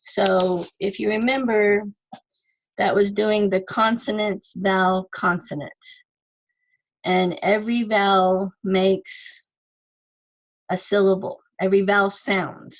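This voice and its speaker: A woman's voice: mid-range voice, level tone, takes it slowly, long pauses, rough recording. A woman teaching an online ESL lesson, patiently sounding out words syllable by syllable and repeating them.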